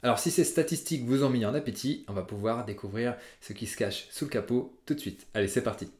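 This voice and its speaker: A man explains software in a relaxed, chatty tutorial voice, pitched right in the middle of the male range and dotted with hesitant filler sounds. His voice rings in a roomy, echoey space around his desk. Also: fast, a little hiss or hum. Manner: chatty, upbeat, many "euh" fillers. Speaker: WordPress tutorial host. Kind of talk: casual screen-recorded tutorial.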